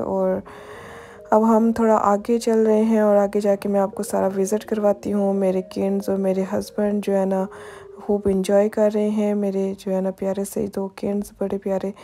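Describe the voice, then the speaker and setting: A woman's voice: medium pitch, dark tone, slight background noise. Chatty woman vlogger on an evening walk. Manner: chatty, repeats "ye dekhiye" while pointing things out. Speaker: travel vlogger. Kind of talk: casual walking-tour narration. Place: outdoors on city streets at dusk.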